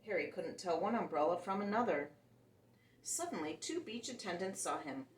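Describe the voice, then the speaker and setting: A children's story reader reads a picture book aloud to young listeners, animated and expressive, voicing the characters with an intonation that rises and falls a lot. Her pitch is fairly low and her speed normal. The recording sounds roomy, with her seated some distance from the mic.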